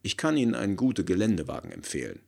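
A man's voice: lowish voice, big pitch swings, racing, gravelly, a little mellow, pitched above the performer's own voice, heavily acted. Man doing a smug male car boss, cool, dismissive, audiobook.

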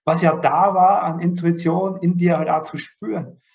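A man leads the conversation as host, mostly affirming and encouraging his guest. His voice sits a little higher than most men's. He asks calm, supportive follow-up questions. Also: normal speed, poor audio. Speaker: host and coach. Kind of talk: podcast interview.

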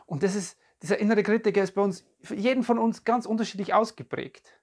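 A podcast coach giving a calm, reflective self-help talk straight to the listener, often searching for words and repeating phrases. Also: mid-range voice, a little fast. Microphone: podcast and video recording.

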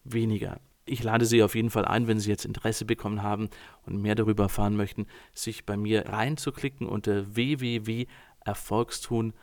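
A man working as a communication coach, talking calmly and directly to his listeners, addressing them formally. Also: lowish voice, brisk. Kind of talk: informal talk to listeners.

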